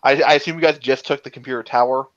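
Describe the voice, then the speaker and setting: A man narrating as game master of a tabletop game, talking in a relaxed, halting way. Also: medium pitch, dry recording, lo-fi sound.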